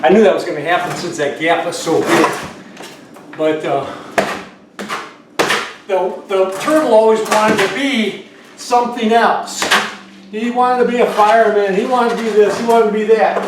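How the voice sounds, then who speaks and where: A man's voice: sits high, steady tone, normal speed, pauses often. A man working as a drywall finisher, talking casually and jokingly while he demonstrates taping in a garage. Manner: joking, rambling storyteller. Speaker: drywall finisher and show host. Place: garage under repair. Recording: echoey garage, distant mic, noisy.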